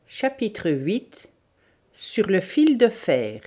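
A woman narrating a novel as an audiobook, in a measured, deliberate reading. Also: medium pitch, big pitch swings, dark tone, slightly rough. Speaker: audiobook reader.

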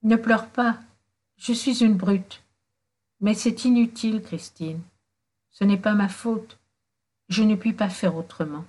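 A woman voicing a remorseful young man who drinks, speaking sadly in halting phrases in a storybook reading. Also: medium pitch, fairly even intonation, a little mellow. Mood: contrite. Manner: halting, contrite, sad.

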